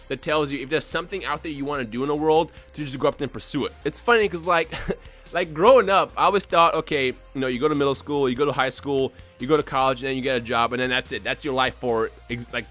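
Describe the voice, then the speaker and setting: A young man from Bosnia, a YouTuber talking unscripted to his viewers in an excitable, rambling way with lots of restarts. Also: medium pitch. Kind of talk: unscripted casual vlog talk.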